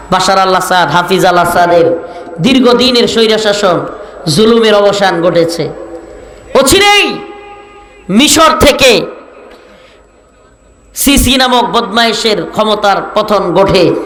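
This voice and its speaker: A man from Bangladesh preaching a sermon, rhetorical and building to shouted emphasis. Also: sits high. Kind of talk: Bengali waz sermon. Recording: echoey hall with faint noise.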